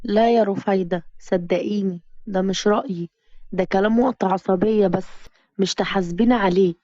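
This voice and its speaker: A woman voicing a quick-tempered young male doctor, in a harsh, scolding manner. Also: mid-range voice, steady tone, mellow, no room sound, natural voice. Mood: apologetic. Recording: dull, dry recording.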